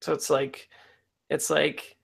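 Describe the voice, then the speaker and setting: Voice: medium pitch, little pitch movement, slow pace, gravelly, breathy edge. A player in a tabletop roleplaying game, talking casually and tentatively while improvising a character's moves.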